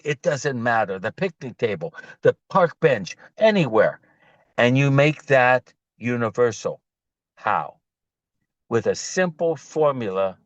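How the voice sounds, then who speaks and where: A man pitching his bedding product as a guest on a video call, talking in a loose, digressive way. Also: no room sound, lo-fi sound. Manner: loose, digressive, animated storytelling.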